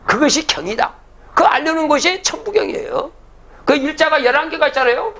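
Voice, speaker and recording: A man's voice: very high voice, animated, a little fast, sharp tone. An older man giving a public lecture, reciting old verses and then explaining them, often asking the audience rhetorical questions.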